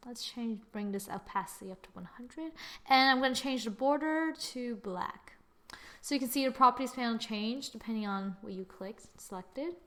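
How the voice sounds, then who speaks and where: Recorded through what seems to be a computer mic at a desk, a young woman with a rather high voice presents a screen-captured software tutorial. Her manner is casual and chatty; she pokes fun at her own results and thinks out loud as she clicks.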